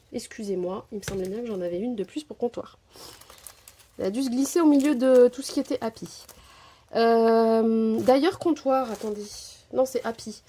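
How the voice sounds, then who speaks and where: Woman, casual haul vlogger, soft dark tone, rambling and filler-heavy, phone-recorded. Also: a little high. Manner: chatty, filler-heavy, keeps saying "voilà". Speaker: crafting vlogger. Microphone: phone camera.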